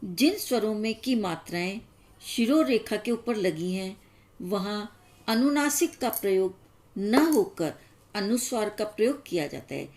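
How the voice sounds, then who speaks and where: A woman teacher explains grammar rules slowly and carefully. She pauses to sound out each example, at an easy, measured pace. Her pitch sits at an ordinary middle height. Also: lively intonation, a little mellow. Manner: slow, explaining step by step with examples. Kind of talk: classroom grammar lesson.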